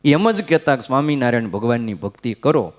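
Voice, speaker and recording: A man gives a devotional discourse as a swami, his voice sitting at a middle pitch. He talks in a chatty, homely way, often stopping to check in with his listeners. Now and then he slows down to chant a verse. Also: sing-song. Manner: conversational preaching, frequent "hm?" checks, sing-song verse chanting. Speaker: swami giving scripture discourse. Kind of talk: devotional katha sermon. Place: gurukul temple hall.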